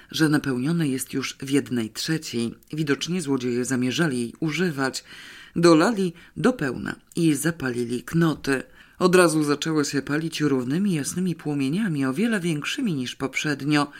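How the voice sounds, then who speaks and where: A man reading an adventure novel aloud, his voice a touch higher than most men's. He tells the story in a measured, steady way. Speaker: audiobook narrator. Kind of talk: scripted narration.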